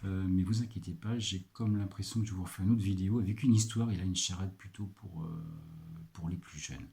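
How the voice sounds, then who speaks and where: A French librarian presenting picks in a casual video, hesitant and full of filler pauses as he checks his notes. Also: sits low, creaky, warm tone. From France.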